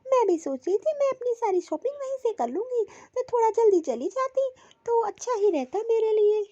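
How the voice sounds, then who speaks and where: Cartoon role: woman as a headstrong young wife, sulky and indignant, very high voice, dull lo-fi sound. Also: big pitch swings, normal speed, warm tone. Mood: pleading. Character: young married woman, headstrong, quick to complain. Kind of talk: cartoon voice acting.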